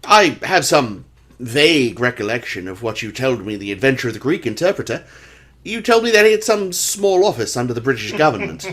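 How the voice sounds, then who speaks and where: A man's voice: mid-range voice, sing-song, a little fast, a bit bright. A man playing a genteel, patient doctor and narrator in an audio drama, speaking in a formal storytelling manner. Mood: obliging, curious. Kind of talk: radio-style audio drama acting.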